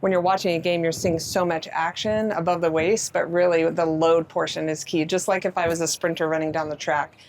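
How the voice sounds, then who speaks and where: A woman softball coach explaining technique casually and enthusiastically. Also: fairly low pitch, fairly even intonation, brisk, hardly any pauses, slight background noise.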